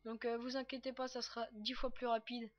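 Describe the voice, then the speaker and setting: A woman's voice: on the high side, level tone, a little fast. A young woman narrating a casual screen-recorded game tutorial, chatty and loose with lots of fillers. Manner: chatty and loose, with many "donc, euh" fillers and repeated "tout simplement". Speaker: tutorial maker.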